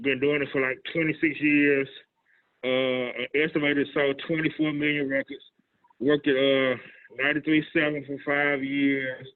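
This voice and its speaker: Man sounding like he's in a trash can. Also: fairly high pitch. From Houston, Texas. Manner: laid-back, rambling, many fillers and restarts. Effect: hollow, muffled sound as if talking into a trash can. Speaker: radio DJ and record promoter. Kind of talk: casual panel chat on a video call. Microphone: video call. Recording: tinny phone-like call audio.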